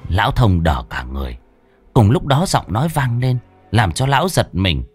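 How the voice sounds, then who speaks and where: A man narrating a horror story in a dramatic, expressive way. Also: lowish voice, moderate pace, breathy edge, faint music behind.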